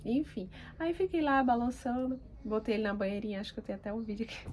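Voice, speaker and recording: A woman, speaking gently and hesitantly, with many pauses, as a mother sharing her story. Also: on the high side, fairly even intonation, a little hiss or hum. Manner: soft-spoken, hesitant, many pauses and fillers. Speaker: mother vlogger. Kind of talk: casual personal talk to camera. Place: quiet home room.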